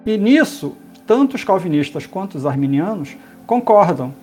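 A man, a pastor, calmly explaining theology in a podcast conversation, pausing often with fillers. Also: sits high, soft background music. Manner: explanatory, measured, with many fillers.

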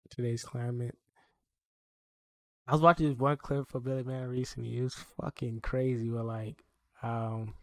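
A man's voice: mid-range voice, darkish tone. A man co-hosting a podcast in casual chat, swearing freely and retelling scenes with animation. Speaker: podcast co-host.

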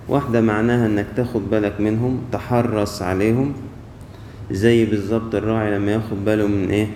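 A man's voice: fairly low pitch, warm tone, a little hiss or hum. A man with an Egyptian accent giving a conversational sermon during a church service, telling a story and posing rhetorical questions that he answers himself. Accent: Egyptian Arabic. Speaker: preacher. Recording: echoey church hall with long reverb.

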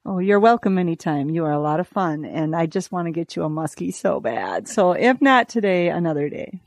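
A woman with a fairly low voice talks casually as a podcast guest. She is an outdoorswoman from the Green Bay area, and the sound is very dry. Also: expressive, brisk, no room sound. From Green Bay area, United States. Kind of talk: casual interview chat. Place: small lakeside cabin, indoors.

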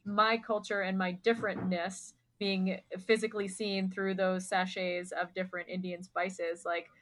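A woman hosts a casual talk and answers in a thoughtful, affirming manner. Her voice sits at a middle pitch. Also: flat delivery, a little slow, fairly bright tone, poor audio. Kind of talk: casual chat.

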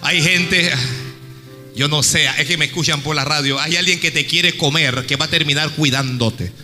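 A man preaching a sermon, retelling a story dramatically and swinging between hushed and shouted lines. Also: fairly high pitch, normal speed. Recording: long hall reverb with music.

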